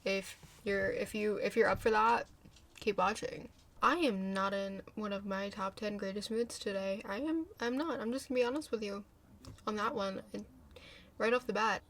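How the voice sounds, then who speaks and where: Speaking at a moderate pace with a medium-pitched voice, this young vlogger in her twenties sounds congested from a cold. She talks candidly to the camera in a loose, rambling rant, making fun of herself along the way.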